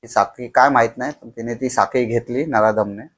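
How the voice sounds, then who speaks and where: A young man telling a horror story on a podcast, slow and dramatic, dropping to a hush at tense moments. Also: mid-range voice, fairly even intonation.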